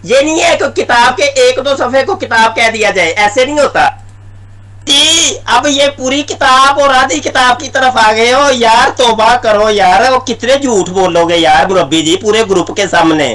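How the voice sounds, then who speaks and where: A man's voice: very high voice, animated, normal speed, bright, forceful tone. A man in a religious debate, demanding answers and mocking his opponent, laughing at his claims. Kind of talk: heated religious debate voice message.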